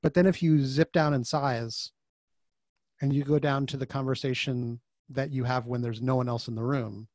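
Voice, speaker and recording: With a mid-range voice at normal speed, a man chats as a guest on a podcast via video call. An author and design facilitator, he is lively and casual in the conversational interview, voicing the characters he quotes mid-story. The recording is dry.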